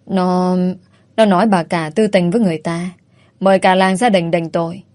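A woman's voice: on the low side, steady tone, normal speed, a little mellow, no echo, lightly acted. A woman voicing a timid, deferential male servant who stammers. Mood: flustered.

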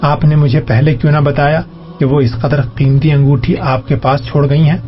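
A man's voice: on the high side, little pitch movement, lightly acted. A man reading a proud, weary young woman. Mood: plaintive. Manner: plaintive, reproachful speech. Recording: dull lo-fi audio, faint music.

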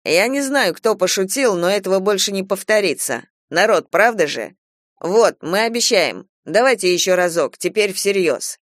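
A woman reading aloud voices a calm young man who talks in a slow, reassuring way. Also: mid-range voice, dry recording, studio quality, close to an everyday voice.

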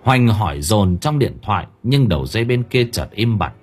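A man narrating a horror audiobook with suspenseful, expressive delivery. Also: lowish voice, normal speed. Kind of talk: dramatic horror story narration.

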